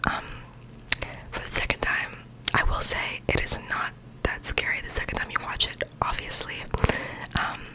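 A woman's voice: normal speed, bright, forceful tone, rough recording. Young girl, adult, doing asmr, intimate whisper right on the mic, rambly casual chat. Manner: rambling, informal, full of "like". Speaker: ASMR creator. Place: small bedroom, indoors. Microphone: large microphone with foam cover, very close.

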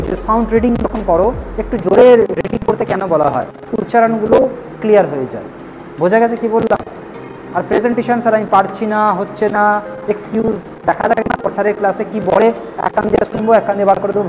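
A man's voice: high voice, background noise. A male spoken English teacher, lecturing students firmly and often asking if they understood. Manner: firm, repeatedly checks understanding. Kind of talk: classroom lecture, scolding and advising students.

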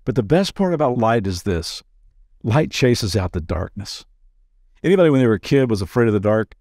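A man's voice: medium pitch, sing-song, a little mellow, no echo. Pastor guy doing a daily devo podcast, talks earnest and casual, cracks little jokes, dead dry room. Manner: conversational and earnest, with quick asides and playful jokes. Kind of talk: daily devotional podcast teaching.

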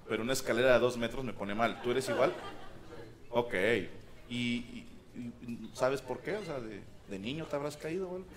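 A man with a Mexican accent doing crude, teasing crowd work as a stand-up comedian in a theater. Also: medium pitch. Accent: Mexican Spanish. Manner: teasing, crude banter with the audience. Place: large theater with live audience. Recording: live show with loud crowd and noise.

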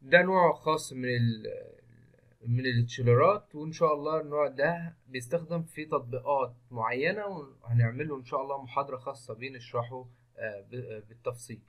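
In this screen-recorded technical lecture over slides, a man with an Egyptian Arabic accent explains step by step at a quick pace. His voice is mid-range and a bit bright, and he works English technical terms into his engineering explanations.

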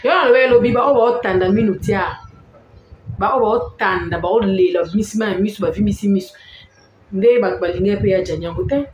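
A woman gives an animated commentary vlog, hammering her points home by repeating phrases and jumping up in pitch. Her voice sits at an ordinary middle height. The recording is roomy and echoey, with a faint hiss underneath. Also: muffled recording. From Congo-Kinshasa. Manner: emphatic, repeats phrases, sudden rises in voice. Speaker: online celebrity-gossip commentator.

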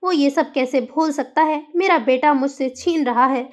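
A woman's voice: sits high, moderate pace, close to an everyday voice. A woman voicing a young mother who talks in a pleading, insistent, upset way. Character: young mother, fiery and demanding.

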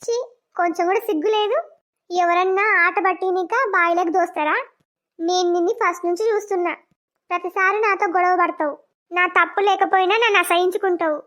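A blunt, sharp-tongued young wife from a village cartoon, voiced by a woman. She speaks with a very high, piercing voice. The audio is dull and lo-fi. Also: steady tone, a little fast. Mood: scolding. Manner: scolding, blunt village speech.

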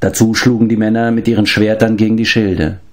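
A man reading a children's fantasy novel aloud as an audiobook, in steady, even storytelling narration. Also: lowish voice, a little fast. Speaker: audiobook reader. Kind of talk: scripted narration.

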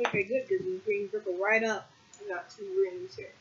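A woman chatting casually and loudly on a vlog, teasing her co-host and often shouting during a candy challenge. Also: mid-range voice, big pitch swings, a little fast, dull audio.

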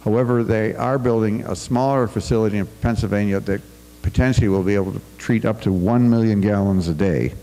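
An older American man reads a prepared talk from paper into a podium microphone on a stand at a farm forum held in a school auditorium, occasionally stumbling, restarting and adding asides. His voice is on the low side and mellow, and his pace brisk. The auditorium is reverberant.

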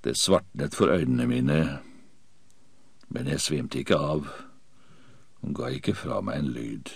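Male audiobook narrator, deep voice, dramatic first-person reading, dry close sound. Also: vocal fry, breathy edge, no room sound.

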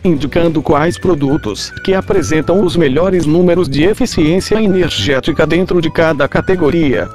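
Mad scientist with a robot voice, a man playing him, somewhat high-pitched, deadpan lecturer, light music underneath. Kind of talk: comedic scripted explainer.

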